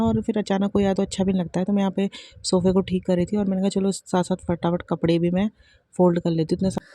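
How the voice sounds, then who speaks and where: A woman's voice: mid-range voice, mellow. A woman in her thirties, a mother, chatting casually in a daily home vlog and repeating herself as she goes about her housework. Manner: chatty, repeats herself, talks while doing chores. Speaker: vlogger, mother of two. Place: home, kitchen and rooms.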